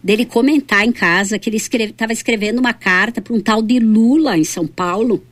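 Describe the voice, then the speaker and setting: A middle-aged city councillor from southern Brazil, with a Rio Grande do Sul accent, reminisces in a relaxed, casual interview. Her voice is a little high and a little fast, and she reflects aloud while tagging her sentences with "né?".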